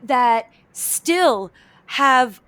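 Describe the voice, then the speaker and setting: A woman's voice: high-pitched, lively intonation, very slow, bright, forceful tone, dry recording. A woman, a comedian and voice actor, chatting animatedly as a podcast guest and dropping Spanish words into her talk. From New York, of Dominican and Eastern European roots. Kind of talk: casual podcast interview.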